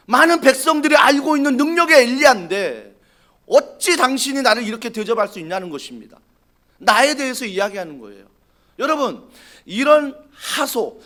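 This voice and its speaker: A male pastor preaching a sermon, dramatic, swinging from loud pleading to a hushed whisper. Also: very high-pitched. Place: church sanctuary.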